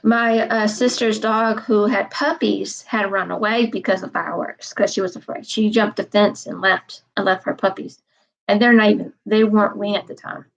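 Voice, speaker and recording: In a muffled recording, a twenty-something woman rambles through a relaxed live-stream chat, circling back to the same points and filling gaps with "um." Her voice is mid-range, steady and creaky, moving at a normal speed.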